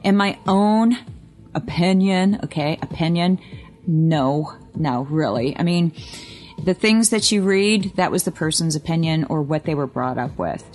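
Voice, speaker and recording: A woman's voice: low voice, a little slow, a little mellow, soft background music. A woman co-hosting a casual podcast chat, emphatic and prone to repeating points for stress. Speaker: podcast co-host, witchcraft shop worker.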